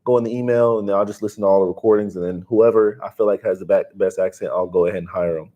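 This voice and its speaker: A man in his twenties co-hosting a livestream, giving business advice in casual, energetic talk and calling people bro. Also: fairly low pitch, quick pace, muffled recording. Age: 20s. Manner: energetic, slangy, calls listeners bro. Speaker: livestream co-host.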